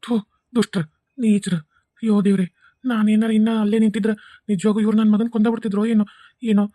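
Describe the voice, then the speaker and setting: A woman voicing an angry, protective father who scolds fast and heatedly, with a North Karnataka accent. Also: mid-range voice, flat delivery, warm tone, no echo, clean studio sound, voice pushed down, close to an everyday voice. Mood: grieving. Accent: North Karnataka Kannada.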